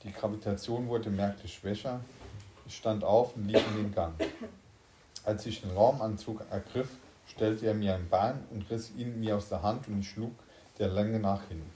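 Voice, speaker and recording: A man's voice: fairly low pitch, fairly even intonation, normal speed, roomy sound, background noise. A man reading a science fiction story aloud in German, unpolished, with slips and restarts. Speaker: story reader.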